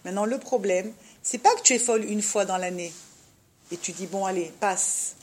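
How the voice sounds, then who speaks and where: A woman's voice: medium pitch, fairly quick, darkish tone, slight background noise. A woman teaching a religious class to a group of women. She talks animatedly and addresses her listeners directly with rhetorical questions. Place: unheated room with a group of women.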